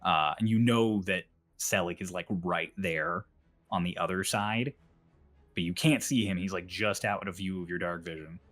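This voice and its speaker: A man's voice: low-pitched, moderate pace, fairly bright tone. A man acting as game master, narrating a tabletop game in a conversational, descriptive way.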